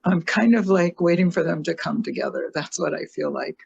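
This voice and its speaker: A woman sharing personally and casually, hesitant and searching, with long pauses, on muffled call audio. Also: on the low side, vocal fry, darkish tone, a little hiss or hum.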